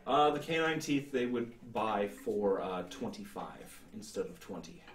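Unhurried and lively in intonation, this thirty-something man's lowish voice guides a tabletop RPG as game master, with somewhat hesitant explanations. The sound is roomy from a distant mic, as he sits at a table indoors.

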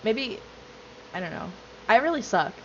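Self-deprecating woman gamer, high voice. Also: sing-song, unhurried, vocal fry, lo-fi sound, slight background noise. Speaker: tank player in an online game group. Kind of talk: casual gaming chat.

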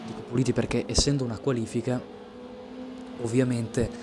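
A man's voice: mid-range voice, level tone, a little fast, noisy background. A man giving casual live sim racing commentary as a streamer, hesitating and repeating words as he goes. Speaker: esports race commentator and streamer.

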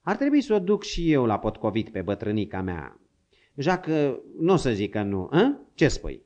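A man doing a gruff old frontier hunter. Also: mid-range voice, wildly swooping pitch, a little mellow. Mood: sly. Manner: grumbling, scolding, coaxing.

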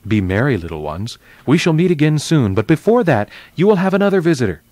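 A man voicing a majestic, wise male lion in a children's story read aloud, speaking slowly and gravely. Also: lowish voice, very animated, a little mellow, no room sound. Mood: solemn. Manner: slow, grave, deliberate speech. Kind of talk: reading a children's novel aloud.

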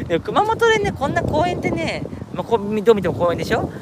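A man live-streams from a city park, chatting casually and answering viewer comments. He laughs at himself often, and his pitch swings all over the place. The recording carries clear street noise and passing vehicles. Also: wildly swooping pitch, fairly quick. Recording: outdoor traffic noise. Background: street traffic.

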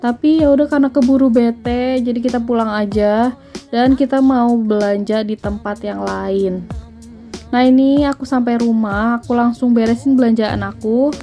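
A woman's voice: fairly high pitch, moderate pace, dark tone, soft background music. A woman, chatting through a grocery haul voice-over and listing prices. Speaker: vlogger.

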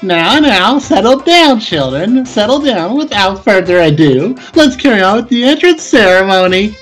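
A woman's voice: mid-range voice, very animated, normal speed, soft background music. A woman voicing a gleeful villainous bear headmaster from a video game, theatrical and full of sarcastic mock politeness. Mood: mock polite. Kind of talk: video game character dub in a let's play.

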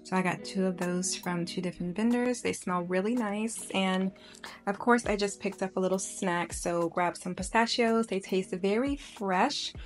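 A woman's voice: mid-range voice, moderate pace. Woman, travel vlog narrator, casual chatty read over faint music. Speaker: travel vlogger.

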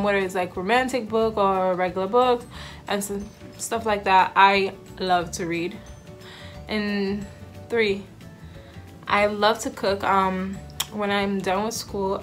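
A woman's voice: mid-range voice, a bit bright. A woman in her twenties, raised in Haiti, chatting to camera with a giggly, filler-filled manner in a small room. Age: 20s. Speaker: vlogger. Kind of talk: casual introduction to camera. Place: indoors, small room with backdrop. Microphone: camera in front, head and shoulders.

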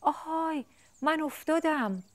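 A woman's voice: animated, close to an everyday voice. Woman doing a whiny little bee-eater chick. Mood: alarmed. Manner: high childlike pleading.

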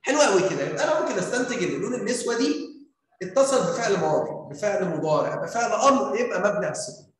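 A man's voice: high voice, lively intonation, racing. A man with an Egyptian Arabic accent teaching a grammar lesson, quizzing pupils with coaxing questions. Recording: very echoey room.

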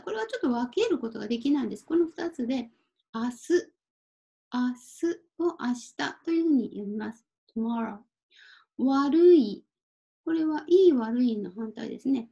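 A high, mellow female voice explains vocabulary slowly and patiently, saying each word again and again with brief English glosses. The audio sounds a little dull and lo-fi, like a home lesson video. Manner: slow, repeats each word several times, gives English glosses. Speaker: Japanese language teacher.

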